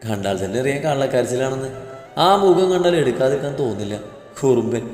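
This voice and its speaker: A man softly narrating a romantic story. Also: mid-range voice, lively intonation, brisk. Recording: roomy reverb with faint music.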